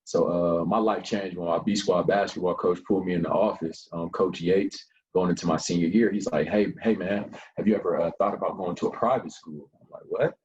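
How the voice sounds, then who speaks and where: Low, flat-voiced young man telling his story. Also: brisk, muffled recording. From Colorado Springs, USA. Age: young adult. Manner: long-winded, relaxed storyteller with frequent fillers. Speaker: nonprofit founder and guest. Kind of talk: casual interview chat.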